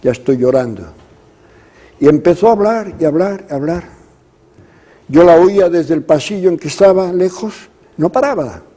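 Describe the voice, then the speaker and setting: Jesuit guy telling a story, warm voice a bit high, slow and earnest with long pauses. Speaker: Jesuit priest. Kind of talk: spiritual talk with storytelling.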